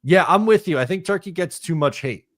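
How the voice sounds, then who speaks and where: A man co-hosting a casual sports podcast, talking in a halting way and often repeating words as he thinks. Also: a little high, lively intonation, a bit bright, no room sound, studio quality. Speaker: podcast co-host.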